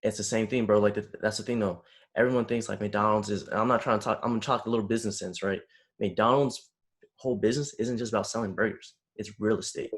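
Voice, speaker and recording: A man's voice: lowish voice, steady tone, fast. A young man from the Bay Area leading a casual discussion, slangy and asking the others questions. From San Francisco Bay Area. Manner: conversational, asks questions, slangy.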